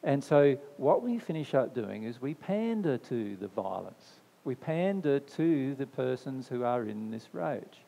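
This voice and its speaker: Speaking at an indoor discussion venue, this man fields questions from a live audience during a spiritual talk, repeating phrases for emphasis and frequently asking "right?" His voice is medium-pitched and dark-toned, with big swings in pitch, vocal fry, an unhurried pace and hardly any pauses. Long hall reverb colors the audio.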